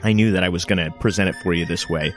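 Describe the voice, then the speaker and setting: A low-pitched man hosts a casual talk show, relaxed and chatty with plenty of fillers. He shifts easily into a smooth radio-announcer delivery. Soft music plays faintly behind him. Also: racing. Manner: smooth announcer tone when presenting. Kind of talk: casual podcast introduction and live chat. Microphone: informal live-stream setup.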